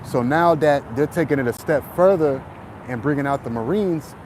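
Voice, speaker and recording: A man giving a casual, halting religious monologue while walking, repeating phrases as he goes. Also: on the high side, darkish tone. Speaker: religious vlogger. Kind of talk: casual walk-and-talk preaching monologue. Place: outdoors on a street with passing trucks. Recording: noisy outdoor street, passing traffic. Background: traffic and vehicle noise.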